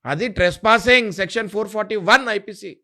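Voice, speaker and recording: Male interview guest, high bright voice, firm lecturing delivery. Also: fairly quick. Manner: emphatic, lecturing, lists legal sections. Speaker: interview guest explaining legal rights. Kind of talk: interview explanation.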